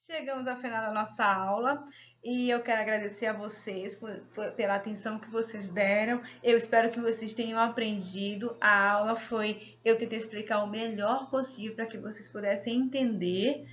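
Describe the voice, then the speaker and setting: A woman teacher with a Brazilian Portuguese accent gives a video lesson to children, speaking slowly and patiently while drawing out her words. Her tone is a little high, steady, and slightly bright, and the recording sounds muffled.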